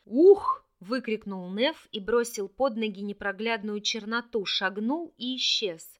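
A woman narrating a fantasy audiobook with even storytelling. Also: mid-range voice, measured pace.

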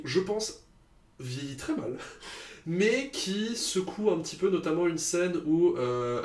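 A man's voice: on the high side, roomy sound. A man co-hosting a casual podcast about films, talking in an opinionated, chatty way with frequent fillers. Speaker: podcast co-host. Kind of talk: casual film chat.

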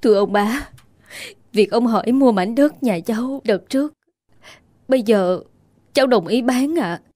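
A woman's voice: fairly high pitch, measured pace, dark tone, no room sound, clean studio sound. A woman voicing a wailing young widow. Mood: pleading. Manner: wailing, pleading. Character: grieving young village widow, secretly scheming. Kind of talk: audio ghost story dialogue.

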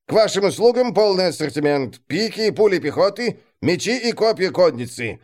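A sardonic military adjutant, voiced by a male reader, talking with cool mock politeness. The voice sits a little higher than plain talk and rises and falls with lively, ironic turns. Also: a little fast. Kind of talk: audiobook character reading.

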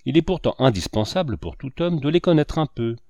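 A man's voice: medium pitch, expressive, brisk, darkish tone, no echo, studio quality, pitched above the performer's own voice, natural voice. A man doing a sardonic lecturing cynic. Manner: declamatory, sweeping and sardonic. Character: lecturing older male cynic, sardonic talker.

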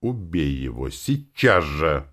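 A man voicing a sinister woman's voice in someone's head, giving slow, hissing commands. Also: rumbling low, very animated, fairly bright tone, heavily acted. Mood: menacing.

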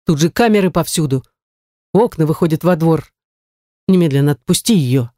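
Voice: medium pitch, lively intonation, normal speed, mellow, no room sound, clean studio sound, natural voice. A reader voicing a reluctant, nervous male accomplice in an audiobook, protesting in an agitated way. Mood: alarmed. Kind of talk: audiobook character reading.

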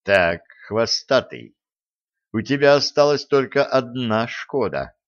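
A man reading an audiobook voices a quick-witted young man, a royal gossip, with a wry, bargaining manner, on a dull lo-fi recording. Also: medium pitch, lively intonation. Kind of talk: audiobook character voicing.

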